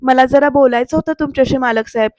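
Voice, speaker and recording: A woman voicing a calm, earnest young woman. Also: sits high, dry recording, clean studio sound, natural voice. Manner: polite, persuasive, measured.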